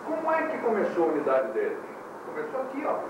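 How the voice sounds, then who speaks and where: A man's voice: high-pitched, huge pitch swings, recorded from a distance. Man lecturing on an old VHS tape. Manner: explains with quick bodily demonstrations and light humor. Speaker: yoga teacher. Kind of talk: classroom lecture. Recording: old VHS tape, echoey room from afar, hiss.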